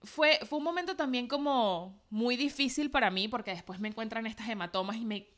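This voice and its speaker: Woman in her 30s chatting on a podcast, kinda high voice, tells it all emotional and acts out what she said. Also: brisk. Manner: emotional, animated retelling with quoted self-talk. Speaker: podcast guest. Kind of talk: casual storytelling.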